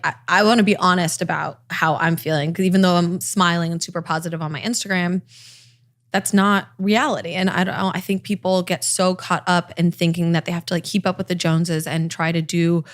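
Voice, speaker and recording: Casual Californian woman, light vocal fry, lowish pitch, chatty podcast guest. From Los Angeles. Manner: casual, chatty, many fillers. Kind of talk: casual chat.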